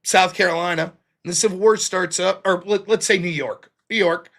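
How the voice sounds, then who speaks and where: A man hosts a solo political commentary livestream, arguing a legal reading point by point with emphasis. He speaks at a normal speed in a high-pitched, fairly bright voice with fairly even intonation and vocal fry.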